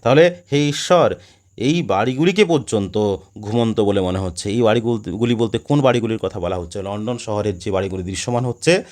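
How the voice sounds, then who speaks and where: A man's voice: on the low side, fairly quick, darkish tone. A man teaching a poem with a Bengali accent, asking questions and then answering them himself, often restarting words. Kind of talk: poetry lesson explanation.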